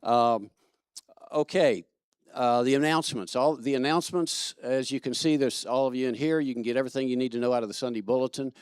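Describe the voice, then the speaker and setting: A man's voice: medium pitch, a little fast, clear, resonant tone, dry recording, studio quality. A man from Kentucky giving church announcements as platform assistant, chatty and joking with many fillers. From Kentucky, USA. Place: church service.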